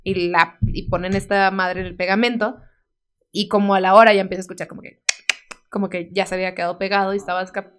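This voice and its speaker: A young woman from Mexicali, co-hosting a podcast, telling stories in a slangy, animated way. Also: mid-range voice, quick pace, a little hiss or hum. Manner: slangy, animated storyteller who acts out voices. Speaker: podcast co-host. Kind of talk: casual chat, storytelling.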